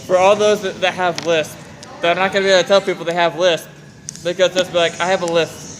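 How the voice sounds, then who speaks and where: A man's voice: sits high, little pitch movement, fast, fairly bright tone. A man casually chatting as a player in a tabletop game, rambling, laughing and tripping over his words. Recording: noisy group in the room.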